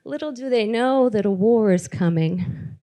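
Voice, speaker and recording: A woman's voice: fairly high pitch, lively intonation, measured pace, warm tone. A woman performing a reflective poem with a wry tone. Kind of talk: poem reading.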